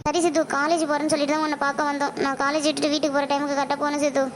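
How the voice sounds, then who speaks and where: A woman's voice: high voice, fairly even intonation, rapid-fire, slight background noise, lightly acted. Woman doing a tearful cartoon college girl. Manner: soft, apologetic, tearful. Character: gentle young college girl, tearful and apologetic. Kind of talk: cartoon voice acting.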